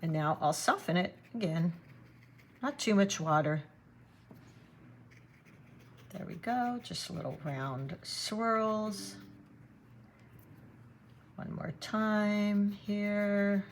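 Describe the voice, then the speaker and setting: A woman giving a relaxed watercolor painting demonstration, thinking aloud as she works and chatting to her viewers. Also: medium pitch, drawn-out words, long pauses, slight background noise. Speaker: watercolor art teacher.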